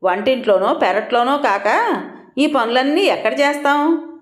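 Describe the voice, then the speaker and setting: Woman doing calm practical housewife, lively voice, roomy echo. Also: high voice, a little slow, voice pushed up. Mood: defensive. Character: patient practical housewife, sister-in-law.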